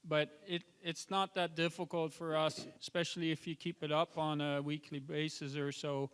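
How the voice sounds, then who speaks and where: A man, a farmer in the audience, sharing his experience in a plain-spoken, slightly halting way. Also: fairly high pitch, little pitch movement, a bit bright, clean tone. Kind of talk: audience comment. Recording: long reverb of a lecture hall.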